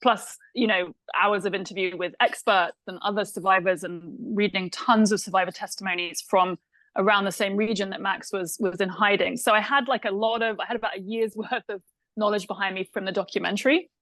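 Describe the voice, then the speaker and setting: A woman's voice: mid-range voice, fairly even intonation, a little fast, a bit bright, dry recording, low-quality recording. A woman from England with an English accent, a film director answering interview questions thoughtfully, with many fillers and restarts.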